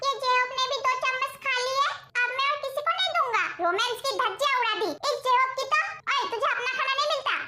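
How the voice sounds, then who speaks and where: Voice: extremely high pitch, quick pace, hardly any pauses. A performer voicing a whole cast of squabbling comic family members in an amateur voice dub, teasing and whining at each other. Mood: bickering. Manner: bickering, teasing and whiny. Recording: roomy home recording, loud hiss.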